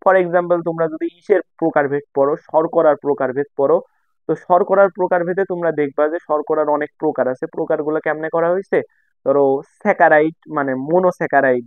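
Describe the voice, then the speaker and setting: A man's voice: on the high side, fairly even intonation, fast, no echo. A young man from Bangladesh teaching a casual lesson, repeating and rephrasing each point for his students. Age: young adult. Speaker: tutor. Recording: tinny phone-like dry sound.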